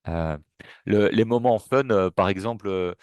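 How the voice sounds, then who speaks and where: A man's voice: fairly low pitch, measured pace, darkish tone, smooth, dry recording, lo-fi sound. A man presenting a webinar in a casual, hesitant way, with many fillers and restarts. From Belgium.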